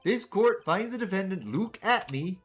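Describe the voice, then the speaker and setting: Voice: medium pitch, expressive, husky, faint music behind, pitched above the performer's own voice. A streamer voicing a stern, formal elderly male judge in a game read-through. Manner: formal, measured pronouncements.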